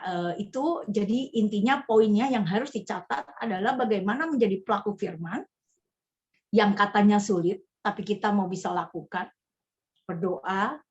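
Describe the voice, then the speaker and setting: A woman's voice: mid-range voice, muffled recording. A woman pastor giving an earnest, emphatic sermon.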